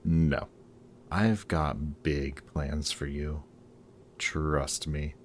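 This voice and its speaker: A heavily acted performance with an extremely low, level voice and drawn-out words brings to life a sardonic supervillain in a roleplay audio drama. The character is gruff, guarded and boastful, secretly caring but awkward and hesitant about showing it. Slight background noise is audible.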